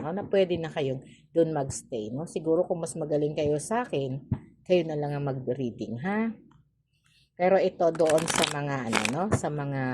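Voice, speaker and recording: A woman's voice: deep voice, background noise. A woman with a Filipino accent giving a casual tarot reading, chatty, with frequent tag questions and sarcastic asides. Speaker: tarot reader.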